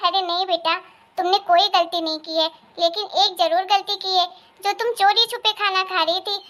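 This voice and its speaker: Woman doing a high-voiced, loving mother-in-law. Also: steady tone, moderate pace, fairly bright tone. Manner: reassuring, lecturing. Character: warm-hearted mother-in-law, firm but loving.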